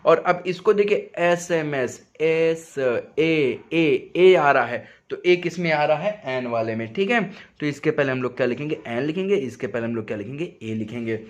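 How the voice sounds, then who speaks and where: A man teaching a spoken English lesson from home. He explains step by step, asks questions and answers them himself, and stretches words out slowly to show their sounds. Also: fairly high pitch, lively intonation. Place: at home, in a residential neighbourhood.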